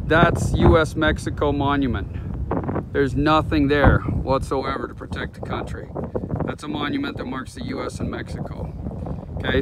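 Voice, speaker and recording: Male vlogger, fairly high voice, off-the-cuff walking commentary, outdoors, phone microphone, heavy wind roar. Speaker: video host. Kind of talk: unscripted walk-along vlog narration. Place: outdoors on a windy rocky mountaintop. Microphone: handheld phone.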